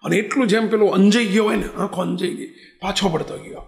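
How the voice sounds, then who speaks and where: A male spiritual leader who tells a devotional story in a sermon with animated, vivid delivery. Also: high-pitched, quick pace, vocal fry. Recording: echoey hall.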